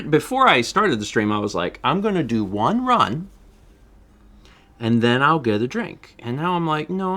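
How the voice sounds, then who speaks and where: A man's voice: medium pitch, sharp tone. A man chatting casually on his livestream, laughing often and reading out viewer donations. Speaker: streamer.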